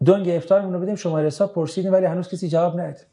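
A man leads a religious class, reading out listeners' questions and answering them briskly. His voice sits a little high for a man but has a warm, mellow color. He talks plainly and slips in dry jokes. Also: steady tone. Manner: brisk, conversational, with dry joking asides. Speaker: religious teacher.

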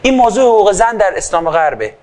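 A man giving an impassioned sermon into a microphone. He swings between loud fervor and quiet asides and acts out little dialogues. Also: high-pitched, big pitch swings. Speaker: preacher.

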